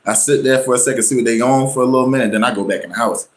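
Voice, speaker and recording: A man hosting his own show, telling a personal story in loose, slangy casual talk. He acts out the people he quotes with sudden jumps in pitch. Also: very fast, slight background noise. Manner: slangy, loose, full of "you know what I'm saying". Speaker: show host.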